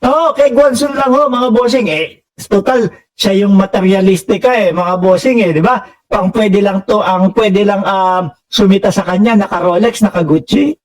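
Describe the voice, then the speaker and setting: A Filipino man gives casual political commentary, reading viewer comments aloud and poking fun with frequent laughter. His voice sits high for a man. He is a little distant from the mic, so the sound is slightly roomy. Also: moderate pace. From Philippines. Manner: mocking, laughs often, addresses viewers as bossing.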